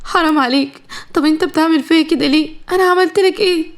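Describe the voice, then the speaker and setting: A woman's voice: extremely high pitch, racing, voice pushed up. A woman voicing a young captive bride, pleading through tears. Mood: pleading tearful. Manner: tearful, pleading.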